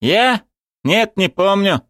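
A man's voice: high voice, expressive, slow pace, no room sound, clean studio sound, voice pushed up, heavily acted. A man voicing an evasive, frightened young male driver in an audiobook. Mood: confused defensive. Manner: defensive, shouting back.

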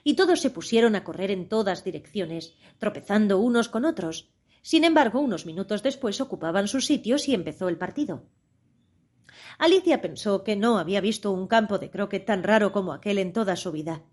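Woman reading a storybook out loud, measured and expressive, middle voice. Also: medium pitch. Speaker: audiobook narrator. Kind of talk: scripted storybook narration.

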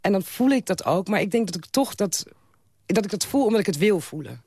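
A woman's voice: mid-range voice, expressive, a little fast, dark tone, slightly rough, no echo, clean studio sound. A woman guest who used to work as an undertaker, talking frankly and reflectively in a casual interview, often restarting her sentences.

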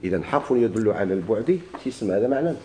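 A man's voice: fairly low pitch, animated, very fast, darkish tone, a little hiss or hum. A man with a Moroccan Arabic accent teaching a grammar lesson, asking questions and answering them himself, often repeating key words. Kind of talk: classroom lesson explaining a grammar text.

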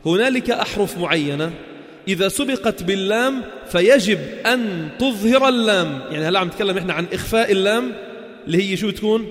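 A man with a Levantine Arabic accent teaching a religious lesson in casual dialect. He often puts quick check questions to the listeners and answers them himself. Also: high-pitched, animated, fairly bright tone, long reverb tail.

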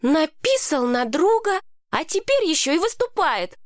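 A woman reading an audiobook, voicing a bossy, excitable girl who scolds and insists. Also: very high voice, unhurried, dry recording, studio quality, voice pushed up, exaggerated voice. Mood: indignant. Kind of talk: audiobook character voice.

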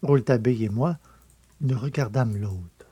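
A man reading a novel as a narrator, in measured storytelling delivery. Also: medium pitch, warm tone, slightly rough, no room sound. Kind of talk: scripted audiobook narration.

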